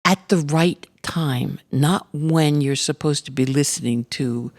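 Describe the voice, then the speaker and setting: A woman's voice: low-pitched, slow pace, a little mellow. Woman artist on a panel, encouraging, easygoing. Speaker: artist guest. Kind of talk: conversational panel talk.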